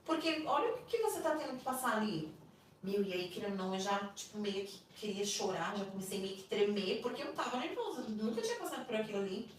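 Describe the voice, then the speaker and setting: A woman with a Brazilian Portuguese accent tells a personal story as a podcast guest, animated and acting out other people's lines. She sits back from the microphone in a very echoey room, with a faint hiss underneath. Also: medium pitch, quick pace. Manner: animated, acts out the voices of people in her story. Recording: echoey room, distant mic, faint noise.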